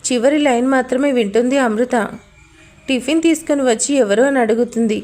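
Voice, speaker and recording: A woman narrating a romantic story in a plain, steady storytelling manner. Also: high voice, a little fast. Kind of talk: scripted narration.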